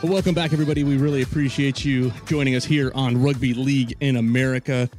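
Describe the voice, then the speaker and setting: A man's voice: mid-range voice, fairly even intonation, quick pace, a little mellow, faint music behind. Easygoing rambling male podcast host. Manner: loose and rambling, many fillers and restarts. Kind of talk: casual interview chat.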